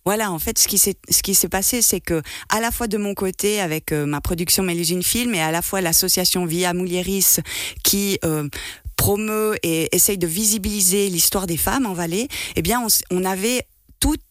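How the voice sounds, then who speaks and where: A woman answers radio interview questions as a filmmaker guest, often pausing on fillers and restarting her phrases. Her voice sits at a middle pitch and comes through a close, dry studio microphone. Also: no echo. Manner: hesitant, many fillers and restarts.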